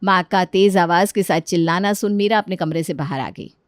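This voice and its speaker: A woman's voice: on the low side, moderate pace, dry recording, clean studio sound. A woman narrating a cartoon story in a chatty, scripted style, talking straight to the listener. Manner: chatty, addresses listener directly.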